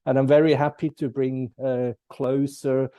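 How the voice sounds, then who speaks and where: A man, giving formal, measured answers as an interview guest. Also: mid-range voice, flat delivery, no room sound, muffled recording. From German-speaking Switzerland. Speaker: guest, compliance expert.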